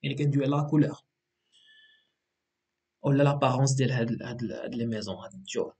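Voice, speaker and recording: A man's voice: medium pitch, rapid-fire, warm tone, slightly rough. A man with a Moroccan accent teaching an exam revision lesson, explaining patiently and checking in with frequent "ok".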